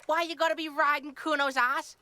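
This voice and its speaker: A woman's voice: high voice, fairly even intonation, fairly quick, pushed and bright, no echo. A woman voicing a swearing, hostile twelve-year-old boy who speaks of himself in the third person, in a video game. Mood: belligerent.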